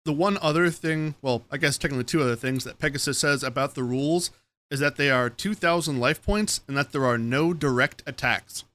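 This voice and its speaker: Man, podcast co-host, deadpan humor, dry close recording. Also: mid-range voice, a little fast, no room sound. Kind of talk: casual podcast chat.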